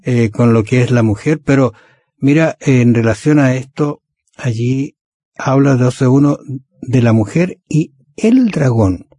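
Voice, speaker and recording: A man's voice: mid-range voice, measured pace, mellow, slightly rough, dry recording, clean studio sound. A man hosting a religious radio program, talking casually and often adding rhetorical tag questions.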